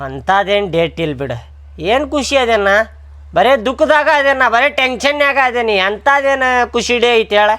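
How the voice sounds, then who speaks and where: A woman's voice: on the high side, expressive, moderate pace, a bit bright. A woman with a North Karnataka Kannada accent playing a grumbling, dismissive husband in a comic sketch. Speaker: comedy sketch actor.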